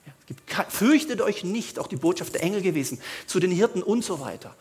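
A man's voice: high-pitched, lively intonation, a little fast, darkish tone. A male pastor, preaching a sermon in a conversational style with emphatic asides.

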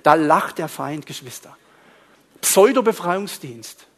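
Husky preacher telling stories. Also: male voice, on the high side, a little fast. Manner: animated storyteller, jumps between quiet asides and loud outbursts. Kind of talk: storytelling sermon.

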